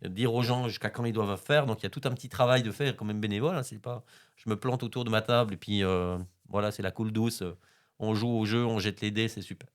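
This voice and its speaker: A man speaking as a volunteer guest in a casual chat, joking and animated. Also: lowish voice, quick pace.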